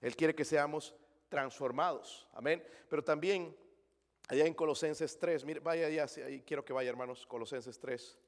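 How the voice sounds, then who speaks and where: A man's voice: a little high, moderate pace, in a large hall. Man preaching, quizzing his flock. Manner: preaching with many rhetorical questions to the congregation. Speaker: pastor. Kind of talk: sermon. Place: church.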